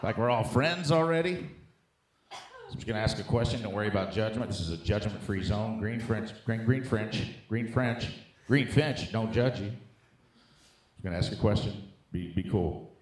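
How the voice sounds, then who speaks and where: His voice on the low side and his pace moderate, a middle-aged American comedian does conversational, profane stand-up. He speaks emphatically and directly to the crowd, using dude and guys, in an echoey live room.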